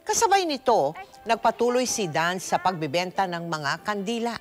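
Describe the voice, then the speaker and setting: A woman's voice: mid-range voice, very animated, moderate pace, soft background music. A woman reading scripted narration for a dramatized life story.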